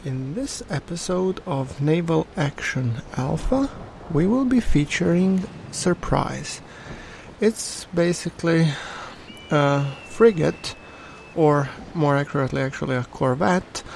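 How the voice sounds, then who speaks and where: A man giving casual video game commentary in a halting, hesitant way, as the host of a channel. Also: a little high, vocal fry, darkish tone, slight background noise.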